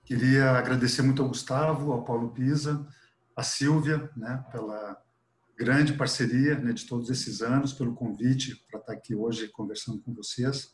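A man's voice: medium pitch, steady tone, moderate pace. A middle-aged man from Chile, a professor speaking unscripted and earnestly on a video call with a headset, dropping frequent fillers. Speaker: professor, webinar panelist. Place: office with artwork behind. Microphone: earphone headset on a video call. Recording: echoey room on a video call.

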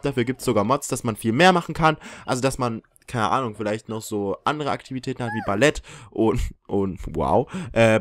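A man's voice: mid-range voice, no echo. A young man giving casual, joking commentary while playing a life-simulation game, often teasing the characters. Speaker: let's play host.

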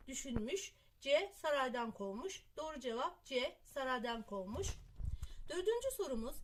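A woman reading out test questions to young pupils and explaining each answer in a clear, patient way. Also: high voice, a bit bright, slight background noise.

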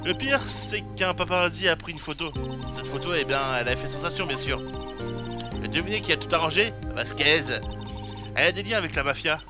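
A man voicing a tired, resigned old male actor who confesses haltingly, read aloud by a gamer. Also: a little high, animated, over music, lightly acted. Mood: weary.

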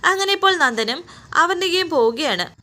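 A woman's voice: extremely high pitch, expressive, normal speed, pushed and bright. A woman retelling a serial episode as a story in present tense, reading out the characters' quoted lines as she goes. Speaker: serial episode recap narrator.

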